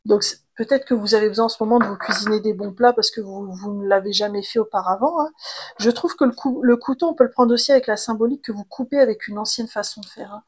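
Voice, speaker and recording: A woman, giving a casual, chatty tarot card reading with gentle fillers and restarts. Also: mid-range voice, fast, slight background noise. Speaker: tarot reader.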